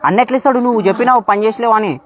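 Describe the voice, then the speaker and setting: A man's voice: high voice, very fast. A man arguing insistently in a comedy skit, as a mechanic demanding his pay and scolding his helper. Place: outdoor workshop. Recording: dull lo-fi phone audio with crowd behind.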